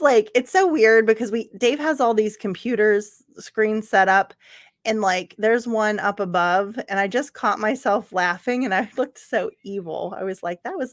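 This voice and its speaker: A woman's voice: mid-range voice, no echo, studio quality. A woman hosting a casual livestream from a room at home, chatting in a rambling way, answering viewers by name and laughing often. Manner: laughs often, trails off mid-sentence. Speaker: livestream host. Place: home room with computer screens.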